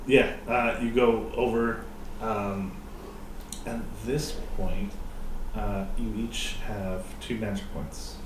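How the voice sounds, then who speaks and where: A man working as game master, improvising horror narration in an informal, halting way. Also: fairly low pitch, steady tone. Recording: roomy, distant mic, faint noise.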